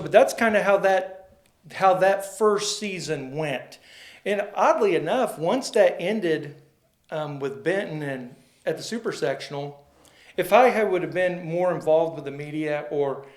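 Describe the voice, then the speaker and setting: A man tells long, rambling stories as a guest, slipping into the voices of the people he quotes. His voice sits a little high for a man. The room rings with a clear echo around him. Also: moderate pace. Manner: rambling, folksy, acts out quoted dialogue. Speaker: sports photographer guest. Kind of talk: casual storytelling interview. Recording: roomy echo.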